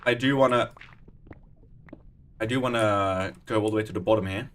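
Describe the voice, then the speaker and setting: A fairly low-voiced man in his 20s speaks at a normal pace while building in Minecraft on stream. Rambling and chatty, he pokes fun at himself and mutters under his breath as he types commands.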